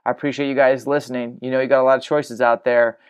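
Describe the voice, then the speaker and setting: A man's voice: medium pitch, flat delivery, quick pace, clean tone. A man with an American accent hosting a podcast in a casual, plain-spoken way. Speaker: podcast host. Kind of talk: casual podcast intro and interview.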